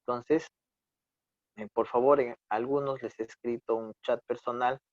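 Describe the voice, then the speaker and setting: A man with a Peruvian Spanish accent teaching an online class, patiently correcting his students and tagging his sentences with quick checks. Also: medium pitch, fairly even intonation, a little mellow, dry recording. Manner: corrective, patient, repeats "¿no?" often. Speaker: instructor. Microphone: computer mic on a video call. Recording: dull dry video-call audio.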